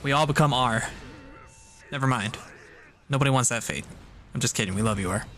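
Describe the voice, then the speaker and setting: A man doing live play-by-play commentary on a fighting game tournament, jokey and excitable, munching on food as he talks. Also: medium pitch, a little fast. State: eating while talking. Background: music playing behind.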